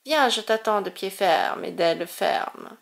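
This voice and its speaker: A woman's voice: medium pitch, a little slow, vocal fry, pitched below the performer's own voice. A woman voicing a proud dragon creature from a card, daring someone to fight. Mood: boastful. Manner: boastful challenge.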